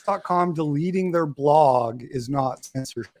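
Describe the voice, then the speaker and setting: A man's voice: on the high side, measured pace, a little mellow. A man debating online in an insistent, combative way, often repeating himself to press his point. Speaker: debate participant. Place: online voice call.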